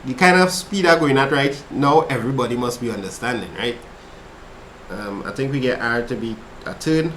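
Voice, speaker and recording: In this casual livestream study session, a man with a Trinidadian accent tutors maths, chatting easily with viewers between steps and reading chat aloud while working problems. He has a mid-range voice at normal speed. The sound is roomy, with a little hiss or hum.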